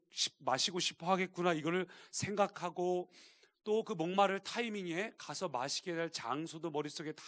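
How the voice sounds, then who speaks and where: A male pastor preaching a sermon, shifting between quiet explanation and emphatic appeals to the congregation. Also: on the high side. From Korea. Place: church sanctuary.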